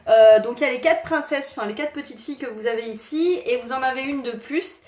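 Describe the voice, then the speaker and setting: A woman chatting casually to viewers while showing her collectible figurines, in a halting way with many fillers. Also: high-pitched, a little mellow. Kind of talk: casual unboxing chat. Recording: echoey room, faint noise.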